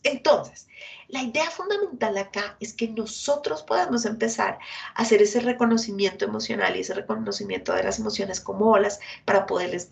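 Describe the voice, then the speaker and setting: A woman giving a workshop talk to parents, explaining things warmly and directly and acting out children's outbursts with animated emphasis. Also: medium pitch, gravelly. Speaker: school family workshop speaker.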